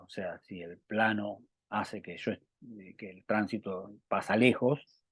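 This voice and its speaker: A man with a Rioplatense Spanish accent giving a university lecture, halting with many restarts and fillers. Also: mid-range voice, darkish tone, no room sound.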